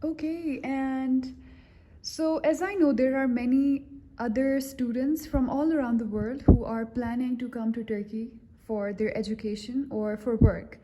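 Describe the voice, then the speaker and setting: A woman student interviewing a guest, asking questions gently and encouraging him with frequent mm-hmms. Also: a little high, fairly even intonation, a little slow.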